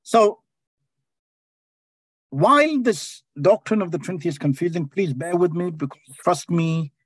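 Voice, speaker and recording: Delivering a sermon, a man with a high, husky, animated voice calls out lines for the congregation to echo back. He stretches key words into long, emphatic phrases, and there's no echo on the recording.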